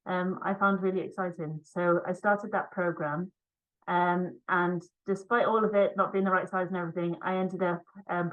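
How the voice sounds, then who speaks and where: A woman's voice: fairly low pitch, highs cut off. A woman from Cardiff with a slight Welsh accent, giving a conference talk over a video call in a conversational way with frequent ums. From Wales. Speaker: physiotherapist and para rower presenting online.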